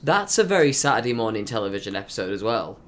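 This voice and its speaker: A man's voice: lowish voice, sing-song, fast, a bit bright. A man co-hosting a casual chat about TV episodes, talking loosely with fillers like "you know" and "like". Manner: chatty, with fillers and laughs. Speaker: podcast co-host.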